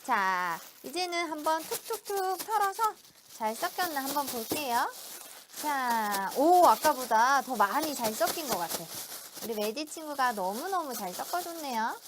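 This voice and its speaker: A woman's voice: high-pitched, sing-song, measured pace, background noise. A woman teaching a young child to cook, talking in simple, encouraging, sing-song phrases with playful repeated sound words. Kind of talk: hands-on cooking lesson with a young child.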